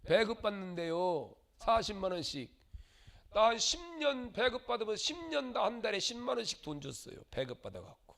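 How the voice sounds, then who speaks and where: A male pastor delivering a dramatic sermon in a very high, gravelly voice. He swings from loud, tearful shouts down to quiet murmurs and acts out the people in his stories. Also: big pitch swings, moderate pace.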